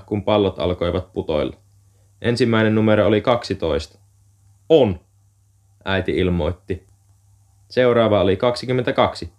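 A man calmly narrating an audiobook chapter in a steady storytelling manner. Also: deep voice. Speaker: audiobook reader. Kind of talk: scripted narration.

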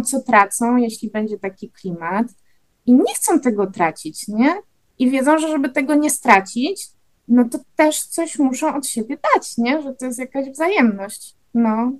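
High-voiced female host summing up thoughtfully. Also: no room sound. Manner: reflective, sums up and praises the guest's points. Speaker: podcast host. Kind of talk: conversational interview.

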